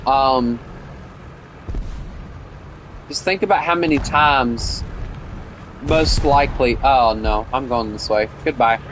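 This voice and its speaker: Talking slowly and pausing often, this gaming streamer has a mid-range voice and a Southern US accent. The young man rambles through casual gameplay chat with his viewers, sharing strong opinions with plenty of fillers, against a noisy background.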